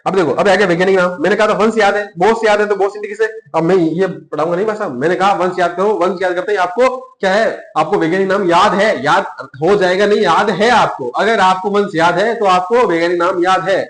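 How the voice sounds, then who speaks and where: Rajasthani male coaching teacher: quick, high, self-questioning patter, roomy classroom sound. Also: steady tone, a bit bright. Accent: Rajasthani Hindi. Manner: chatty, repeats points and asks himself questions. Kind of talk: classroom lecture with memory tricks.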